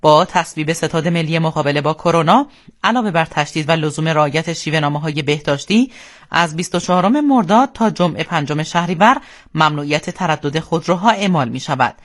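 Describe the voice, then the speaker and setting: An Iranian man reads a radio bulletin as a solemn, formal newsreader, his fairly bright voice sitting a little high for a man. The scripted delivery is measured in tone and sounds like it comes from a studio.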